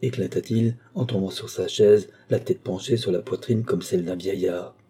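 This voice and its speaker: A man narrating a novel as an audiobook, in a measured, even reading. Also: sits low, breathy edge.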